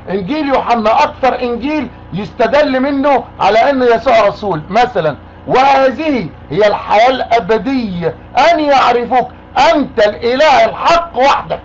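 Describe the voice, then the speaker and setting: Egyptian guy arguing on a call, high voice, rapid, keeps demanding the same thing, muffled recording. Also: expressive. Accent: Egyptian Arabic. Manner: insistent, repeats demands. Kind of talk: argumentative phone call. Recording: muffled lo-fi call with faint noise.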